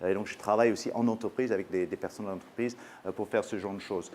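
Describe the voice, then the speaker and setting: A man's voice: on the low side, steady tone, fast talker, a little mellow. Hesitant man with an English accent. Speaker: business school professor. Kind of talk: conference presentation.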